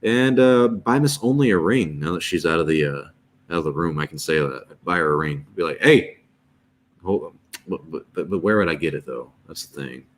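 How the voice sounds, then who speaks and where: Hosting a laid-back livestream, this man in his 20s has a voice that sits low and moves at normal speed. He reads the chat aloud and chats along, often rambling and starting over.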